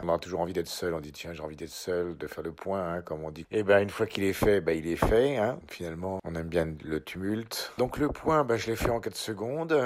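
A man rambling through a comic voicemail, correcting himself and swinging between loud bursts and muttered asides. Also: fairly low pitch. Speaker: comedian leaving a voicemail. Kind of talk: comic radio sketch monologue.

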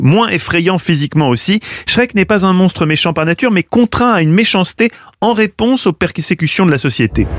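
A medium-pitched man, a radio columnist, delivers a comic chronicle at a studio microphone. He is playful, teasing and slangy, with faint music in the background.

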